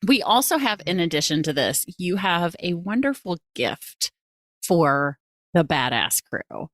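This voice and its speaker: Her voice is lowish, sing-song, a touch slow, and fairly bright, recorded cleanly in a studio without room sound. This podcast host and coach keeps the animated interview casual, gushing and emphatic, frequently repeating phrases to drive points home.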